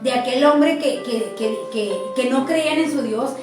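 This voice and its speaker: A woman with a high voice tells faith stories in an animated way and repeats words for emphasis. She sounds far from the mic in a very echoey room. Soft music plays behind her. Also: measured pace. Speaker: church speaker. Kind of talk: faith talk with testimonies. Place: church.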